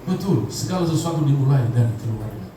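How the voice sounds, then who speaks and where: With a crowd audible behind him, a fast-talking, animated pastor in his fifties from Indonesia uses a mid-range voice to preach a funny sermon, calling for responses from the congregation. It's recorded in a large church hall that echoes, via a distant mic, with background noise.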